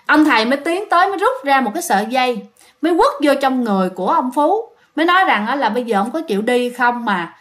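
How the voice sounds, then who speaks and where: A woman's voice: sits high, sing-song, fast talker, a bit bright. A woman with a Southern Vietnamese accent telling a ghost story, chatty and talking straight to her listeners. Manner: chatty, addressing listeners directly.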